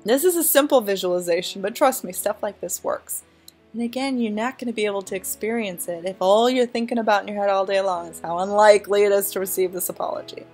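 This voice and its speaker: A woman podcast host leading a calm, soothing guided visualization. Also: medium pitch, quick pace, soft background music. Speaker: podcast host and life coach.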